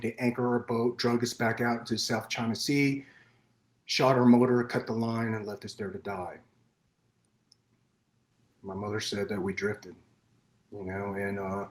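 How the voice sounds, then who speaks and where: Earnest Vietnam-born man in roomy sound. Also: mid-range voice. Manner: earnest, measured, with frequent fillers and restarts. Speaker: podcast guest. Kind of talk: personal storytelling in interview. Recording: roomy echo.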